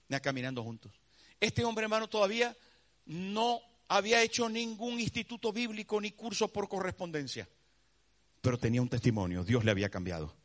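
A man preaching a sermon, telling scenes dramatically and calling his listeners "brother" with many rhetorical questions. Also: high-pitched. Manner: dramatic storytelling, acts out scenes with shouts.

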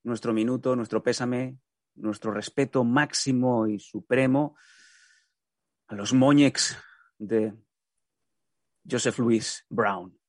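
A man's voice: medium pitch, fairly even intonation, slow, long pauses, darkish tone, no room sound, clean studio sound. A man hosting a comedy show, rambling in mock-solemn tones with plenty of stops and restarts. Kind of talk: casual comic banter.

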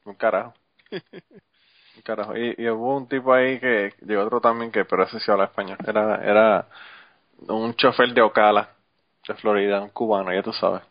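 A man's voice: lowish voice, steady tone, fairly quick, no room sound, lo-fi sound. A man co-hosting a podcast in casual chat, telling stories with frequent swearing and laughter. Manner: profane, storytelling, laughs often.

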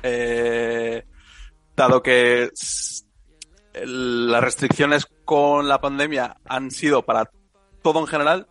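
A man's voice: mid-range voice, little pitch movement, slow, fairly bright tone, no echo, soft background music. Man, 20s, from Spain, radio guest, hesitant, restarts, dry sound. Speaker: guest, researcher. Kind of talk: radio interview answers.

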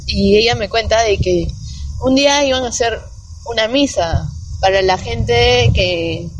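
A woman's voice: on the high side, unhurried, noisy background. A young woman with a Peruvian Spanish accent, telling a story in casual chat with lots of slang.

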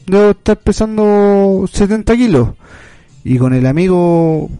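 A Chilean man with a notably high, mellow voice co-hosting a podcast. He chats casually, playful but insistent, leaning on local slang. Soft music plays faintly in the background. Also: steady tone, unhurried, clear, resonant tone, no room sound. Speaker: podcast co-host. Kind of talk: casual late-night chat.

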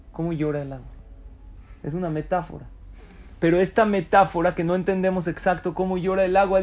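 A man's voice: on the high side, a little hiss or hum. A man teaching a Torah class, asking his listeners rhetorical questions and slipping in jokes. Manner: rhetorical questions to the audience, joking asides. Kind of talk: religious class talk.

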